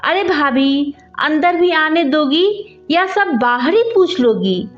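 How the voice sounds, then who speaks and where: A woman's voice: high voice, expressive, takes it slowly, echoey room, highs cut off, soft background music. A woman voicing a spoiled young married daughter who complains tearfully.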